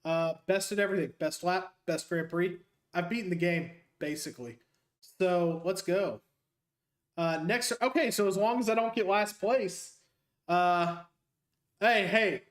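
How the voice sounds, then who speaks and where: A man streaming a racing game and joking his way through casual, rambling commentary as a high school teacher. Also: unhurried, roomy sound. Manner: jokey, rambling, self-mocking.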